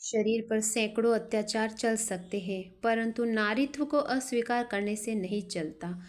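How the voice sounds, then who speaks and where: Woman narrating a classic story. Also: fairly high pitch. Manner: measured, literary narration. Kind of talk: reading a classic story aloud.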